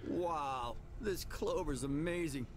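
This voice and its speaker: Game casting: a cocky talking mare, surfer-dude drawl, sarcastic and carefree, higher voice. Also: male voice, takes it slowly, faint music behind. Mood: laid-back. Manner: breezy, teasing, sarcastic. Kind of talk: video game voice acting.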